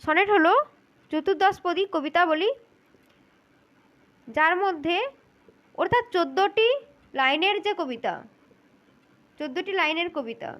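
A woman with a very high voice talks through exam answers as a spoken lesson. She works methodically, repeating each key point and speaking directly to the listener. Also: measured pace, long pauses, dull audio. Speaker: teacher for exam interview prep.

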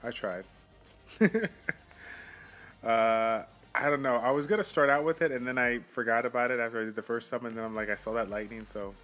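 Young guy hyped up over game pulls, rambly, talking into his phone, faint music behind. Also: mid-range voice. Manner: excitable, rambling, quick outbursts. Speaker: mobile game channel host. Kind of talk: casual gameplay commentary. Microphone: phone mic.

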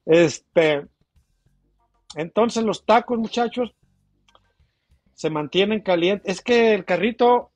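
A man's voice: sits high, darkish tone, dry recording, soft background music. Chatty man in his forties. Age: 40s. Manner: chatty, laughs often, drawn-out playful exclamations. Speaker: taco vendor. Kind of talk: casual livestream chat reading viewer comments.

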